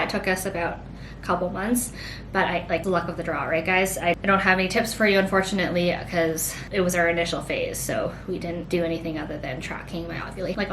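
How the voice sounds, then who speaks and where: A woman in her late twenties chatting casually through a pregnancy Q&A, rambling and filling her sentences with "like". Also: a bit bright. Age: late 20s. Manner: rambling, heavy use of "like". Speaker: vlogger. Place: home. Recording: echoey room, faint rumble.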